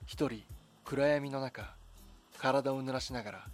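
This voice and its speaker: Over background music, a man with a mid-range voice narrates a scripted, dramatic documentary. He tells the story in short, deliberate phrases, measured and solemn.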